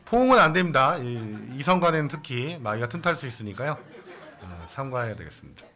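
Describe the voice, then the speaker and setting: Lively bright-voiced male pastor preaching. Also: mid-range voice, fairly quick. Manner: conversational preaching with playful asides and many fillers. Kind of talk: Sunday sermon. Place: church sanctuary.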